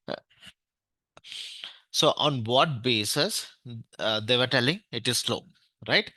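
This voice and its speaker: An Indian English-accented man leads an online technical class, walking through each step and often pausing on "right?". His voice is bright and fairly forceful. The sound is dry and close, with no room around it. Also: mid-range voice, no room sound. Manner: explains step by step, checks in with "right?", many fillers. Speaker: database administration trainer.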